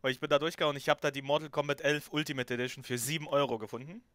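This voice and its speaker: A man's voice: on the high side, steady tone, very fast, a bit bright, no echo. A man from Ukraine chatting casually on a podcast, rambling and jokey. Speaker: podcast co-host. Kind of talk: casual chat.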